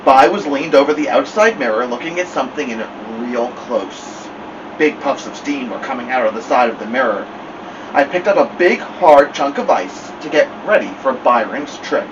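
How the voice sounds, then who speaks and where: Animated man reading a story aloud. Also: medium pitch, normal speed, lo-fi sound. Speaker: storytime host. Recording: distant mic, air-conditioner hum.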